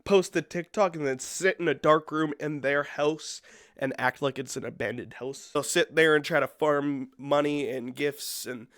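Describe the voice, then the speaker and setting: A man's voice: on the high side, moderate pace, a bit bright, dry recording, studio quality. A young man hosting a casual commentary video, ranting sarcastically and with plenty of swearing. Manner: profane, sarcastic, rambling. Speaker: YouTube commentary host.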